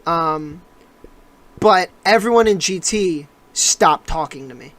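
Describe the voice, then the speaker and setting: A young adult podcast co-host telling a long personal story in casual chat, rambling and animated with lots of fillers. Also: medium pitch, slow pace.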